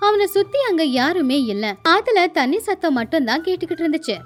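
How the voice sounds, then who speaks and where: A woman tells a moral story in a measured, scripted way. Her voice sits very high and clear above faint background music. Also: animated.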